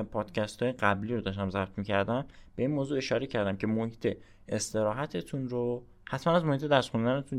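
Man, podcast host, casual advice talk, coaching tone, medium pitch. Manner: chatty and coaching, often checking in with the listener.

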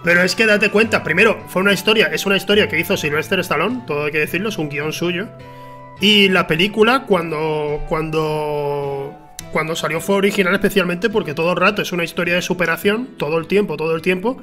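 A man with a Spain Spanish accent hosting a casual film chat, animated and opinionated, laughing often. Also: sits high, brisk, faint music behind. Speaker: stream show host.

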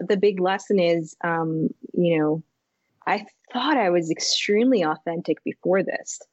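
A woman co-hosting a podcast in casual, reflective chat, thinking aloud with halting restarts and fillers. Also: fairly low pitch, darkish tone, no room sound, dull audio. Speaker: podcast co-host.

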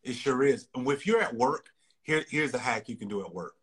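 A man with a slightly husky voice hosts a casual podcast conversation. He talks in an energetic, preachy motivational way, firing off rhetorical questions and pushing listeners to act. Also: mid-range voice, fairly quick. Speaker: podcast host.

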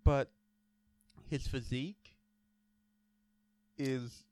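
A man chatting casually on a podcast, rambling and swearing, sometimes breaking into loud mimicking voices. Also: medium pitch, fairly even intonation, extremely slow, clear, resonant tone, no echo. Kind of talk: casual podcast chat about wrestling.

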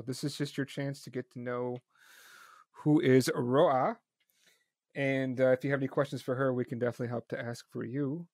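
A man's voice: medium pitch, darkish tone, no echo, studio quality. A man hosting a casual live-stream interview, joking and chatty. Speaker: podcast host.

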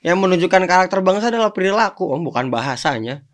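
High-voiced man arguing in casual slang. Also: lively intonation, fast. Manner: argumentative, keeps addressing partner as "Om". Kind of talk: casual podcast chat.

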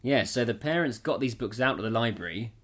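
A man's voice: mid-range voice, animated, brisk, fairly bright tone. A man co-hosting a podcast, casually retelling a horror story with quoted dialogue and frequent laughs. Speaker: podcast co-host. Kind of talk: casual chat about horror fiction.

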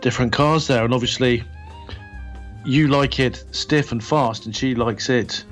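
A man's voice: a little slow, faint music behind, close to an everyday voice. A man voicing a cheeky, chatty old lady who plays agony aunt on a radio show. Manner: falsetto granny voice, rambling.

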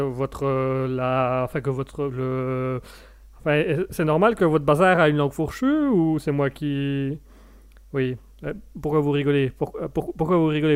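A man's voice: fairly high pitch, darkish tone, clear, resonant tone, close to an everyday voice. A man voicing an awkward male border customs officer, stammering and politely embarrassed.

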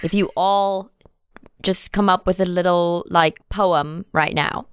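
Crisp, lowish-voiced woman at game table. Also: fairly even intonation, takes it slowly, no room sound, studio quality. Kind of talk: casual in-character table talk.

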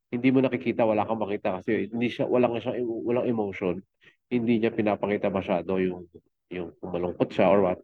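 A man's voice: on the low side, fairly even intonation, fairly quick. A middle-aged man, a fitness coach and father, talking as a guest in a casual interview, rambling with many fillers and restarts. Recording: tinny phone-like line.

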